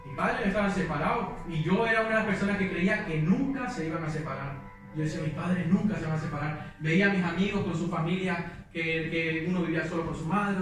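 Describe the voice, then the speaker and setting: A young man preaching a sermon in a church, telling his own testimony in an earnest, emotional way. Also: high voice. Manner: earnest, emotional storytelling with quoted prayers. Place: church hall. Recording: distant, very echoey church hall with music.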